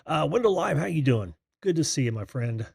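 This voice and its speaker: Breathy, mellow American man hosting a livestream. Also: on the high side, big pitch swings, brisk, no echo, clean studio sound. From Indiana, United States. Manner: rambling, distracted, friendly familiar address. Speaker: host of a live call-in show. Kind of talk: casual live stream chat, greeting viewers by name.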